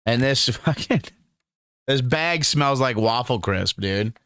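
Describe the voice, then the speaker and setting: A man's voice: mid-range voice, animated, slow, a bit bright, clear, resonant tone, no room sound, studio quality. A laid-back young man giving a rambling, casual review to camera, calling the viewer dude and man. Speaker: cannabis strain reviewer.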